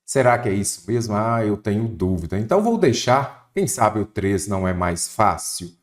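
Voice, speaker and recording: A man's voice: lowish voice, lively intonation, moderate pace. A man from Minas Gerais with a Brazilian Portuguese accent, teaching an online exam-prep grammar lesson and asking and answering his own questions.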